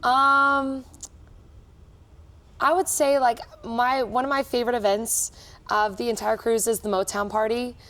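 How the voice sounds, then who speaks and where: A woman's voice: a little high, level tone, measured pace, pauses often, a bit bright. A young adult woman giving casual interview answers as a cruise director, with an upbeat, enthusiastic manner.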